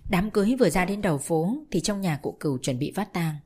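A woman narrating a spoken story in a steady, measured way. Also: fairly low pitch, breathy edge. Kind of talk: audiobook storytelling.

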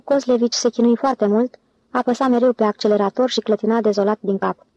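A woman reading a novel aloud as an audiobook narrator, with steady storytelling delivery on a close mic. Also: a little high, no echo, muffled recording. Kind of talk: scripted narration.

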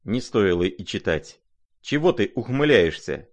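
A man voicing an irate, imperious older noblewoman who scolds in shrill, impatient outbursts. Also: big pitch swings, measured pace. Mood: scolding.

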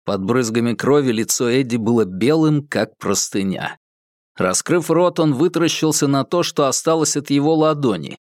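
A man reads a tense crime story aloud with lively, swinging intonation. His voice sits in an ordinary middle register, recorded close and dry. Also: mid-range voice, normal speed, no echo. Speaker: audiobook narrator. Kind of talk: dramatic audiobook narration.

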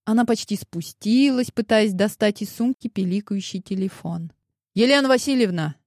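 A woman narrating an audiobook with lively storytelling. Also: medium pitch, moderate pace, breathy edge, no echo, clean studio sound. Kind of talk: scripted narration.

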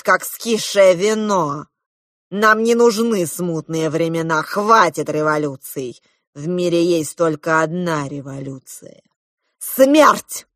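A woman doing a slow, gloating crab villain. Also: medium pitch, no echo, studio quality, natural voice. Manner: slow, loud, drawn-out menacing delivery.

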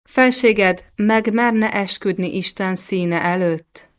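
A woman reading a storybook, voicing a pious young medieval queen who accuses her husband earnestly and gravely. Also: medium pitch, natural voice. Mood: probing.

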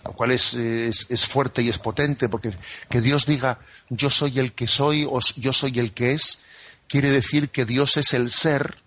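A man from Spain, a priest explaining the catechism on a radio program, who talks in an unhurried, conversational way and keeps checking in with "¿eh?" and "¿no?". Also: mid-range voice, pushed and bright, slightly rough, dry recording. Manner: unhurried and conversational, full of "¿eh?" and "¿no?" tags. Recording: dry studio radio broadcast.

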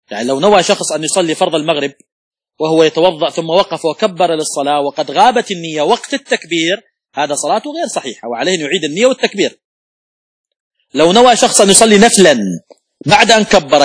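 A sheikh gives a religious law lesson in a husky voice that sits a little higher than most men's. He works step by step through examples and sounds out correct and wrong pronunciations. The recording is dry and close, with no room sound. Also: no room sound. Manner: methodical, explains rules through worked examples and repetition; occasional coughs and throat clearing. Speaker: sheikh teaching Islamic law.

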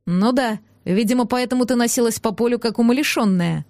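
A woman voicing a gruff, brooding man who speaks slowly and growls his clipped lines in anger. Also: on the high side, darkish tone, dry recording, studio quality, lightly acted. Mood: mocking.

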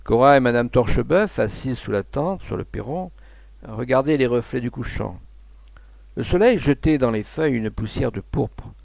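A man reading a classic novella aloud in a measured literary manner. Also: mid-range voice, expressive, vocal fry, darkish tone, no room sound. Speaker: narrator.

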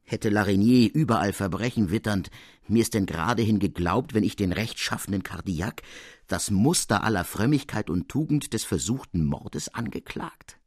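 A man voicing a proud, soldierly male count with a husky voice, speaking in a measured, courtly and emphatic way. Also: on the low side, lively intonation, no echo, studio quality. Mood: earnest.

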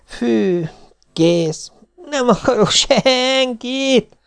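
A man's voice: extremely high pitch, animated, creaky, a bit bright, clean tone, pitched above the performer's own voice, heavily acted. A man voicing a moody, anxious sixteen-year-old girl who keeps changing her mind, in an audiobook reading. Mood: dithering. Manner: flustered, flip-flopping, sobbing.

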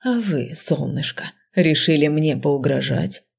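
A woman reading the part of a smug, teasing male dark mage dean in an audiobook, dropping her voice low and slowing into a mocking murmur. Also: animated, vocal fry, slightly rough, full character voice.

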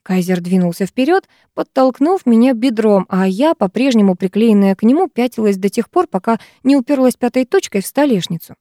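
A woman narrating an audiobook in the first person, with lively, expressive storytelling. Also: fairly high pitch, brisk, few pauses, dry recording, studio quality.

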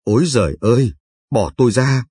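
A terrified young peasant woman, voiced by a male narrator, crying out in raised, desperate pleas. The voice is husky and pitched up from the reader's own, heard in an audiobook. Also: animated, moderate pace, warm tone, dry recording, clean studio sound.

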